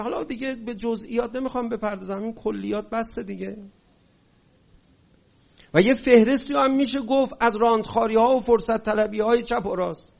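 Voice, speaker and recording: A man with a notably high voice delivers an impassioned religious and political lecture. His steady explanations keep building into forceful, raised passages to hammer his points home. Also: vocal fry. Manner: rises to forceful shouting on key points. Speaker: speaker.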